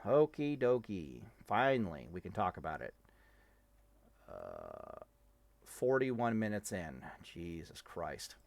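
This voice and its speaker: A man's voice: deep voice, huge pitch swings, slow, creaky, darkish tone, dry recording. A man giving casual, rambling commentary on a game, cursing and interrupting himself as he tests things. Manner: rambling, profane, self-interrupting. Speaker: gaming streamer.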